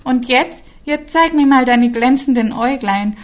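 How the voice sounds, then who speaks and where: A woman reading a storybook who voices a clever, cheerful young prince, confident and gently coaxing. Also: high-pitched, moderate pace, lo-fi sound, lightly acted.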